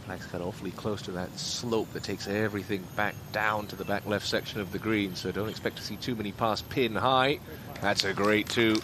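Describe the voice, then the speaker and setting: A male golf commentator with a fairly low voice analyses the play as it happens. Outdoor noise is clearly present behind him. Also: steady tone, moderate pace.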